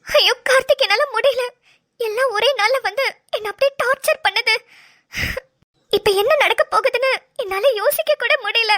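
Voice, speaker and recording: A woman's voice: extremely high pitch, normal speed, pushed and bright, no echo, studio quality, voice pushed up. A woman voicing an anxious, tearful young bride-to-be in a cartoon, with a fretful, whimpering manner. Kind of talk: cartoon voice acting.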